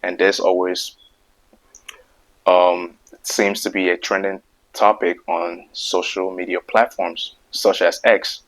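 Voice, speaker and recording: The audio is poor as a low-pitched man slowly delivers a casual opinion monologue to camera on his own video. His pitch barely moves and his tone is a bit bright. Stuttering and repeating words, he keeps driving home emphatic points.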